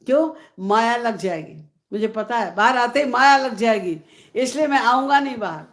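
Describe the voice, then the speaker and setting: A woman's voice: a little high, animated, normal speed, lightly acted. A woman voicing a young boy sage who firmly corrects his father, within a devotional story.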